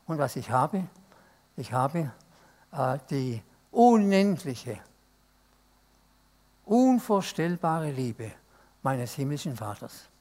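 A man's voice: on the high side, very animated, slow pace, pauses often, darkish tone. A male pastor preaching an interactive sermon and asking the congregation to answer aloud. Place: church service.

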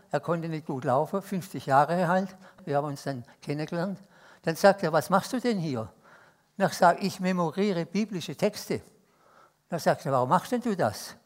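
Preaching in a somewhat high voice, a man from Switzerland tells stories that alternate between forceful, loud moments and quiet asides, all in a Swiss German accent.

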